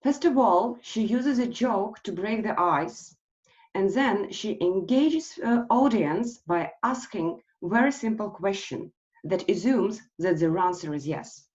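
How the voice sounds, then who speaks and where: A woman presenting a speech analysis in an online lesson, speaking slowly with many pauses and fillers over a video call. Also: mid-range voice. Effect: heard over a video call. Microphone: computer mic on a video call. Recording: dull lo-fi video call audio.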